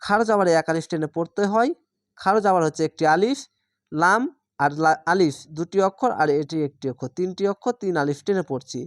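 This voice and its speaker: A woman teaching Quran reading from Bangladesh, spelling each syllable slowly, then blending it into the whole word. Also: fairly low pitch, no echo, clean studio sound. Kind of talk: slow spelled-out recitation lesson.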